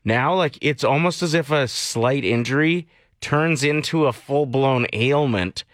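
A man's voice: medium pitch, measured pace, a bit bright, no echo, clean studio sound. A man in his forties co-hosting a morning radio show, talking in an easygoing, wry way. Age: 40s. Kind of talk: casual chat.

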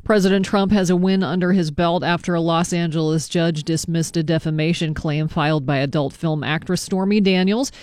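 A woman's voice: fairly low pitch, fairly even intonation, normal speed, hardly any pauses, darkish tone, no room sound. An American woman working as a radio newsreader, moving between casual chat and scripted news.

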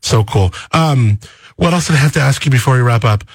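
Husky-voiced male radio host, dry studio sound. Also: mid-range voice, animated, fairly quick, no echo. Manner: chatty and easygoing, many fillers. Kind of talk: casual interview chat.

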